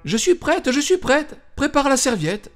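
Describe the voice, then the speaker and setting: A magic wooden doll. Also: male voice, extremely high pitch, very animated, measured pace, faint music behind, heavily acted. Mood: insistent.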